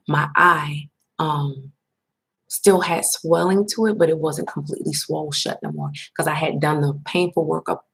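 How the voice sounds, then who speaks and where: Woman vlogger, low voice, gravelly, animated storytelling, talks to viewers. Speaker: vlogger and spiritual life coach. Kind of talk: casual storytelling vlog.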